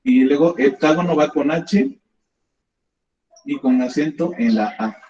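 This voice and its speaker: A man teaches a math lesson, patient and guiding, his voice a bit higher than most. The classroom rings with echo, and the recording sounds dull and lo-fi. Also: lively intonation, a little slow, a little mellow. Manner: patient, guiding students step by step.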